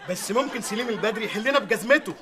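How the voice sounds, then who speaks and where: An actor playing a pushy factory worker with an Egyptian accent, who nags by repeating himself. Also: male voice, high-pitched, expressive, racing, a crowd in the background. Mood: gossiping. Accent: Egyptian Arabic. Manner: insistent, nagging repetition. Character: pushy squeaky-voiced factory worker, man.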